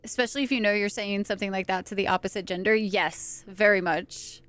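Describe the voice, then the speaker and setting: A woman's voice: medium pitch, fairly even intonation, brisk, fairly bright tone. A young woman live-streaming a game, chatting casually and playfully, swearing now and then, close on the mic. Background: faint game music.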